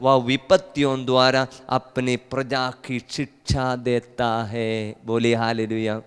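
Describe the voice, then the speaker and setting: A man's voice: medium pitch, little pitch movement, slow pace, clean tone, big-room sound. A male priest, preaching a rousing sermon at a family retreat and urging the crowd to call out hallelujah. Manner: rousing, calls for hallelujah, rises to loud emphatic peaks. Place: large hall at a retreat.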